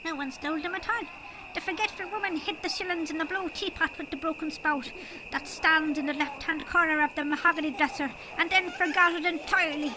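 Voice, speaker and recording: A woman's voice: very high-pitched, steady tone, a little fast, background noise. A woman playing an ancient, sly but kindly male leprechaun king with an Irish accent in an audio drama. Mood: earnest, helpful.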